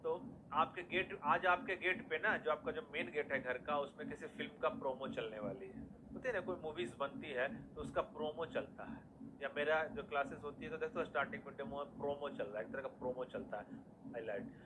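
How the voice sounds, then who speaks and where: A man's voice: fairly high pitch, a little fast. Guy teaching a class, keeps asking and answering his own questions, noisy room. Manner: repeats questions and answers to drill students; conversational Hindi with English terms mixed in. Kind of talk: classroom lesson with memory tricks.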